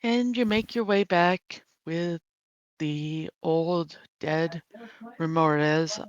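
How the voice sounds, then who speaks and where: A woman narrating as game master, slow and unhurried with filler pauses. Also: sits low, fairly even intonation, dry recording. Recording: dull lo-fi stream mic.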